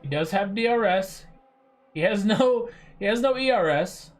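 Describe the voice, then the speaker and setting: A young man giving live commentary on a sim-racing league race, explaining tactics in a steady, measured way. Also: high-pitched.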